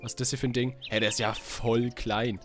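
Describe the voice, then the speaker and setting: A man hosting a casual Minecraft let's play, joking loudly, with sudden outbursts and silly voices. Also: medium pitch, level tone, brisk. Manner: goofy, loud, jokey outbursts and silly voices. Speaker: gaming YouTuber host. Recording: game music behind the voice.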